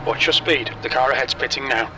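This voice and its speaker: Game race spotter: terse pit radio calls, clipped and level, slightly distant under loud engine roar. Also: male voice, medium pitch, a little fast. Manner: clipped, flat callouts of gaps, fuel and traffic. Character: calm male racing spotter on team radio. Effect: terse pit radio call. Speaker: race spotter and crew chief. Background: race car engine roar.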